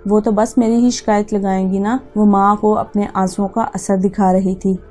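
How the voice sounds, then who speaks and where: A woman voicing a sharp-tongued young daughter-in-law who talks back defensively in a mellow, low-key tone. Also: little pitch movement, normal speed, faint music behind, close to an everyday voice. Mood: complaining. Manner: snappish and defensive.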